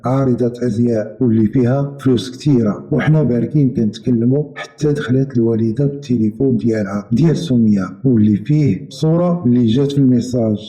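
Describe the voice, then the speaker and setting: A Moroccan man narrates a dramatic family story at a brisk clip. His voice is extremely dark and mellow, steady and earnest throughout. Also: mid-range voice, rough recording.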